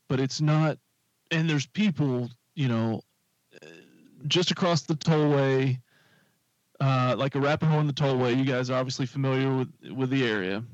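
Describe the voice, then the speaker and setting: On a talk show, a podcast co-host with a medium-pitched voice tells a long, rambling anecdote in a casual, storytelling way, full of fillers and asides. The recording is dry and lo-fi.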